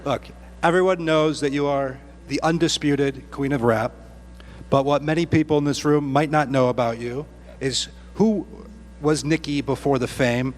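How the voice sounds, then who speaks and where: A man's voice: fairly high pitch, normal speed. Man interviewing in an echoey hall. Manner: flattering, joking asides. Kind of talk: onstage interview. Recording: echoey hall with faint hum.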